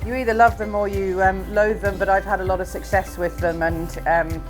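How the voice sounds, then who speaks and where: This is a middle-aged Scottish-raised woman who rides event horses, giving a filmed interview in a mid-range voice. Her manner is easygoing and thoughtful, full of pauses and fillers, over faint background music.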